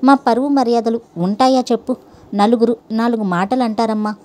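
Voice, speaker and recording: A woman storyteller voicing a kind older mistress of a household who speaks softly and coaxingly. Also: a little high, fairly even intonation, fairly quick, natural voice. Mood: gentle coaxing. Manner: soft, coaxing.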